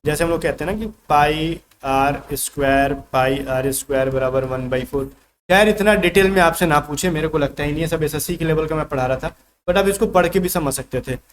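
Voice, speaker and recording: A man's voice: a little high, fairly quick, slight background noise. Man teaching math step by step. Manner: casual Hindi-English mix, talks through working step by step. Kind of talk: online exam-prep math class.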